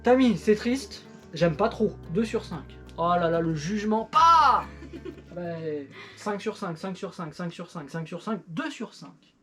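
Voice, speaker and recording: Reviewing an old record with her child, a middle-aged YouTuber and parent keeps the casual chat playful and self-mocking, filling it with fillers. Her lowish voice is animated and a bit bright, and her pace is unhurried, with soft background music.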